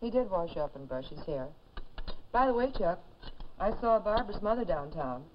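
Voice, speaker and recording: An actress playing a proper middle-aged mother who gently corrects her son, in a 1950s educational film. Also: lowish voice, expressive, normal speed, lightly acted. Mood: gentle, chiding. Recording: dull lo-fi 1950s film soundtrack with faint hiss.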